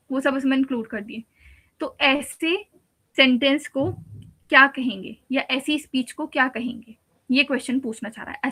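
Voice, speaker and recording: Her voice sits high, with a bright, forceful tone, as this woman teacher works through an exam-prep lecture blending Hindi and English. She is patient, going step by step and repeating examples.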